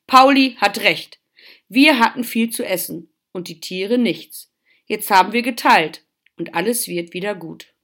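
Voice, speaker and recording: A woman doing a steady father rabbit. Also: mid-range voice, moderate pace, husky. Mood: firm. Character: warm caring father rabbit.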